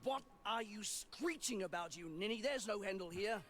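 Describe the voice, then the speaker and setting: An actress playing a scornful, sharp-tongued woman of a household, scolding with contempt in a video game. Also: medium pitch, expressive, moderate pace, slight background noise, close to an everyday voice.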